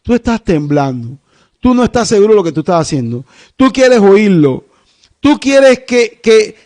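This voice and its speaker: A man speaking as a calm, probing accused man. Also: high voice, moderate pace. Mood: challenging. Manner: rhetorical, probing questions. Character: calm, challenging man confronting his accuser.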